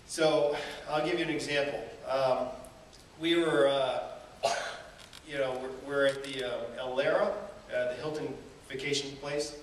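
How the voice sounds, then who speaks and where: A motivational speaker with a medium-pitched, steady voice and a measured pace gives a lively seminar talk, telling stories and asking the audience rhetorical questions. He's in an event hall, recorded from a distance in an echoey room with faint background noise.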